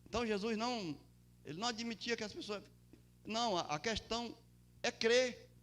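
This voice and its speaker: A man delivers a Sunday sermon from the pulpit, his voice pitched high for a man. He preaches with emphatic swells, stretching out key words and then dropping back to a plain, conversational tone. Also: moderate pace, fairly bright tone, soft background music. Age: adult. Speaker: pastor. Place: church during a Sunday service.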